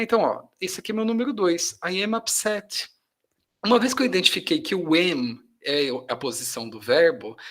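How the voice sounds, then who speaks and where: A man teaching English grammar to Portuguese speakers, energetic and emphatic, slowing down to model each English phrase. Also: on the high side. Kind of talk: grammar lesson explaining on slides.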